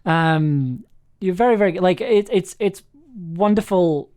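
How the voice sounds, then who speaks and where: Over a remote online call on a livestream, an audio drama writer and producer hosts a casual chat, enthusiastic and prone to rambling. His voice sits high but has a darkish, clear, resonant tone, and he keeps a measured pace.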